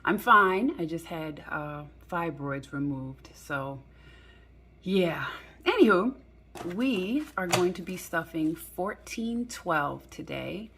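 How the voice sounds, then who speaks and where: A low-voiced woman talks casually and slowly, with a creaky, scratchy edge. She sounds a little hoarse and drained after surgery, halting as she goes through her budget, with some background noise. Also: expressive, fairly bright tone. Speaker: budgeting vlogger. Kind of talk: casual chat while counting cash.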